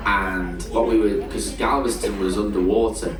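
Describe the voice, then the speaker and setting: A low-pitched British man answers audience questions as a cruise director. He is chatty, informal and jokey as he tells stories. He sounds distant in an echoing room, with some crowd noise around him. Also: fairly even intonation, normal speed. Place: large echoey room with an audience. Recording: echoey venue, distant mic, audience noise.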